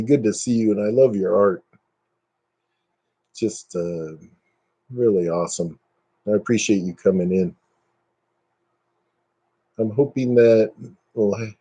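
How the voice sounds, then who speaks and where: A man in his fifties chats through a live stream with a relaxed, mellow voice that sits a little low. He jokes easily and pokes fun at himself as he goes. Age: 50s. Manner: joking, self-mocking, chatty. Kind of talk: casual live-stream chat.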